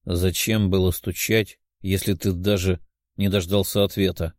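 A man doing a low-voiced brooding demon lord. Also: animated, slow, darkish tone, no echo, studio quality. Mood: irritated. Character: young man, demon lord reborn, calm and musing.

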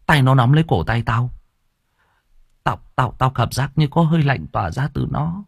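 A man voicing a big, burly teenage boy who stammers and talks in a hushed, scared way in an audiobook. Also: fairly low pitch, unhurried, no room sound, clean studio sound. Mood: frightened. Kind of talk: audiobook character voice.

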